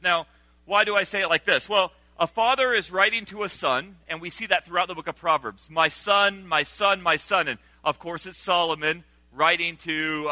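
A man preaching to his congregation with a high, lively delivery and a very bright, sharp tone. He grew up in Senegal and draws the listeners in with call-and-response. The sound is dry and close. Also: dry recording. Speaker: pastor. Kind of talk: sermon.

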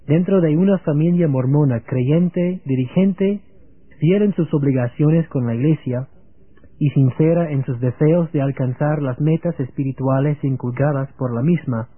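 Young man, guest, earnest testimony, slightly high, husky, phone-like radio sound. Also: a little slow, no echo. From Virginia, United States. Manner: earnest, steady, read-aloud. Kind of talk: read religious testimony.

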